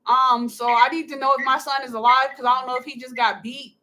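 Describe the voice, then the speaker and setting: A woman's voice: high-pitched, steady tone, fairly quick, bright, forceful tone, a little hiss or hum. An upset, anxious woman, a mother on a phone call, pleading insistently and repeating herself. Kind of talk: emotional phone conversation.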